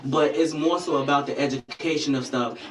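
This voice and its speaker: A man's voice: a little high, steady tone, a little fast, echoey room, recorded from a distance, a little hiss or hum. A man in a reality show, speaking firmly and insistently, repeating himself to get his point across. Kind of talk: confrontational conversation.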